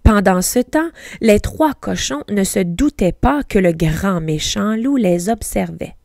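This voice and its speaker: Slow, careful woman storyteller. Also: mid-range voice, lively intonation, creaky, darkish tone, no echo, studio quality. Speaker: teacher reading aloud. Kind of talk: slow storybook read-aloud for learners.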